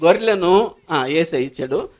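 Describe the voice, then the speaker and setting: A man's voice: expressive, normal speed. A man, a pastor, preaching a sermon with rising bursts and repeated calls for praise. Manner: low murmured prayer. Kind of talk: Telugu sermon with prayer.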